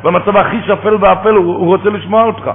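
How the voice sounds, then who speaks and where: A man's voice: high-pitched, steady tone. A man preaching a fervent sermon, rising to emphatic cries. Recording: tinny phone-line radio broadcast.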